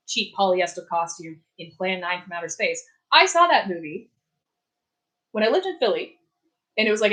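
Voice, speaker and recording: A woman's voice: medium pitch, fairly bright tone, low-quality recording. A young adult woman hosting a casual live stream from her apartment, chatting in a rambling way with many fillers and restarts. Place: warm apartment.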